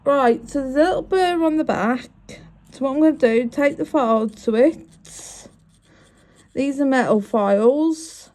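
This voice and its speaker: Sniffling with a cold, a woman walks through making a bracelet step by step in a crafting tutorial. Her high voice is measured in pace and darkish in tone, and she chats along apologetically.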